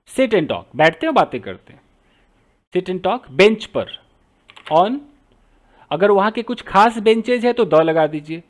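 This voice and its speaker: Lively high-voiced male teacher. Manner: explains step by step, repeating phrases while typing. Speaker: English teacher. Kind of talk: Hindi-medium writing lesson, translating sentences.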